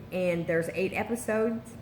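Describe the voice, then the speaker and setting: A woman co-hosting a casual vlog, chatting with many pauses and filler words, upbeat and talkative. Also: lowish voice, darkish tone. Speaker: vlog co-host. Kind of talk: casual chat. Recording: roomy echo with faint background noise.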